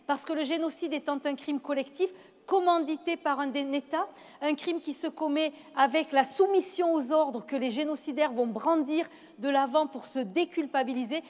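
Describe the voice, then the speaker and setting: Woman moderator, high voice, measured and reflective delivery. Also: a little mellow. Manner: measured, reflective, with hesitant restarts. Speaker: panel moderator. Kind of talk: moderating a panel discussion. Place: event hall. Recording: long reverb of a hall.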